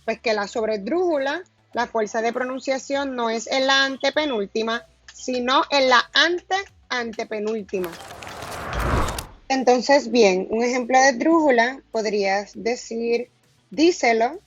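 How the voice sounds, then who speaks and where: A woman teacher giving a recorded grammar lesson, stressing each syllable slowly and deliberately. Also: a little high, highs cut off, soft background music.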